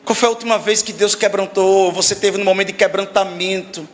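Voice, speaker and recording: A man's voice: high-pitched, fairly even intonation, brisk, big-room sound, faint music behind. A man preaching a sermon as pastor, emphatic and constantly asking the congregation questions.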